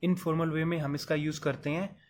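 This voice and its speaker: A man's voice: on the high side, fairly even intonation, fairly quick, a little hiss or hum. A man teaching English phrases in a casual, explanatory Hindi lesson, going step by step and talking to the viewer like a friend. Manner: chatty, explains step by step, calls the viewer "brother".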